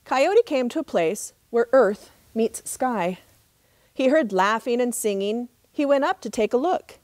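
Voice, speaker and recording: A middle-aged woman, a park ranger, reading a trickster tale as expressive, measured storybook narration outdoors. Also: on the high side. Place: outdoors in open desert.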